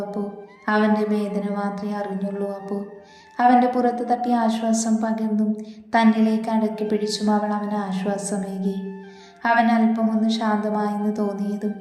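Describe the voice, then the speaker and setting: A woman reading a romance story aloud, soft and steady, with a mellow, flat delivery. Her voice rings in a highly echoey space with a long reverb tail, and faint music plays underneath.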